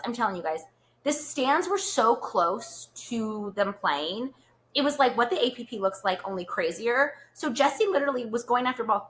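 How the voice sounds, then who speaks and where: A woman's voice: a little high, fairly bright tone. A woman hosting a podcast, telling stories in a chatty, gossipy way full of "like" fillers. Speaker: podcast host. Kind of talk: casual gossip chat.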